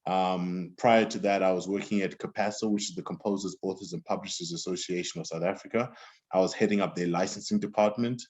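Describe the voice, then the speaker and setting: Low-pitched and brisk, with a darkish tone and fairly even intonation, this man from Zimbabwe is a music executive in his thirties being interviewed. He talks casually and ramblingly, with many restarts and fillers, over dull lo-fi audio.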